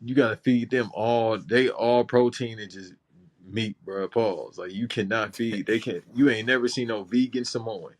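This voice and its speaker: Slangy laid-back man, low voice. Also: moderate pace. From Los Angeles. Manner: loose, slangy, rambling with repeated restarts. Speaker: podcast co-host. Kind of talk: casual chat.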